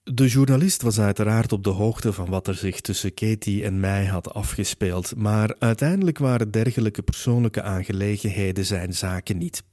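Male narrator, measured first-person storytelling, low warm voice, dry close sound. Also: dry recording. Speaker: audiobook narrator.

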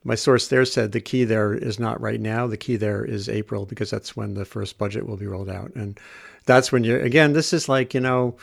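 A man explaining things casually as a journalist in a podcast discussion, halting and digressive, often rephrasing as he goes. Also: on the low side, creaky.

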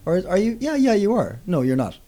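A man's voice: high voice, huge pitch swings, brisk, dark tone. A young man co-hosting a podcast that teaches English through casual chat. He rambles, corrects himself mid-sentence and laughs often. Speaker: podcast co-host.

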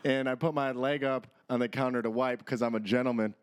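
A man's voice: mid-range voice, steady tone, fairly quick, clean tone. A young man co-hosting a comedy podcast, telling crude stories in casual banter and acting out voices in his anecdotes. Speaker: podcast co-host.

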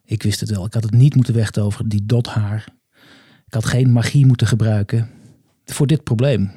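Dark-voiced man improvising a story. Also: fairly low pitch, fairly even intonation, moderate pace, slightly rough, no echo, studio quality. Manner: hesitant, with many filler sounds. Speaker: podcast guest. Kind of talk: improvised storytelling in a casual podcast.

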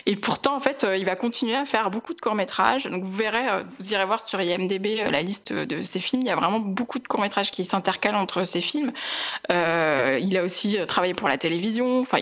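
A woman's voice: medium pitch, expressive, fast talker, a bit bright. A young woman hosting a casual film chat, chatty, with many fillers and restarts. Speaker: film podcast host.

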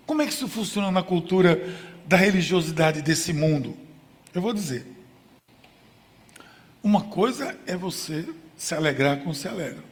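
Man, pastor, emphatic sermon, rhetorical questions, fairly high voice, long hall reverb. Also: animated, moderate pace, pauses often.

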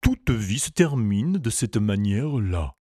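A man voicing a wise, truthful pony in a storybook reading, speaking plainly and calmly. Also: fairly low pitch, husky, no room sound, clean studio sound, exaggerated voice. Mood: solemn. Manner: slow, calm, plain-spoken.

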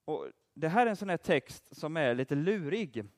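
A man giving an interactive Bible teaching, quizzing his listeners and praising their answers. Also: a little high. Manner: lively, asks the audience questions and praises answers. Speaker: preacher teaching a group.

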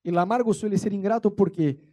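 A man's voice: high voice, brisk, dark tone. A man with an Argentine accent preaching a sermon in a playful, colloquial way, mixing jokes into his teaching. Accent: Argentine Spanish.

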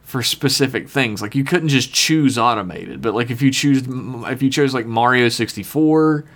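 A man's voice: medium pitch, moderate pace, a bit bright. A man chatting casually as a podcast co-host, joking and swearing freely. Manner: profane, joking. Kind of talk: casual comedic chat.

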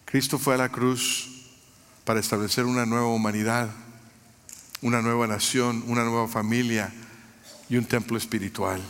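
A man's voice: medium pitch, fairly bright tone. A man from Mexico preaching a sermon in an earnest way, building lists of phrases and sometimes restarting his words. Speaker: pastor. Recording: long hall reverb.

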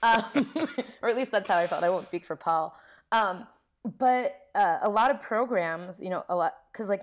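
A woman researcher being interviewed, explaining her field informally in a conversational, checking way. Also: fairly low pitch. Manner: informal, frequent "like" and checking "right?". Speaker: academic researcher, interview guest. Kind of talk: casual academic discussion.

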